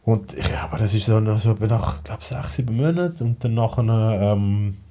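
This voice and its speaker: A man's voice: lowish voice, normal speed, dark tone. A man with a Swiss German accent talking as a podcast guest, rambling and blunt, with many restarts and fillers. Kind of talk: casual personal conversation.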